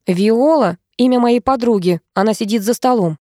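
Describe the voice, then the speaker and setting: A woman's voice: fairly high pitch, normal speed, mellow, no room sound, pitched above the performer's own voice, close to an everyday voice. Female narrator voicing a sarcastic woman companion; dry, slightly raised delivery.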